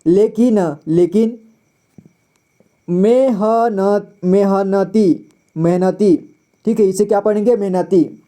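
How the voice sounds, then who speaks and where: A man teaching a reading lesson step by step, patiently sounding out words slowly and repeating them syllable by syllable. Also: high voice, warm tone.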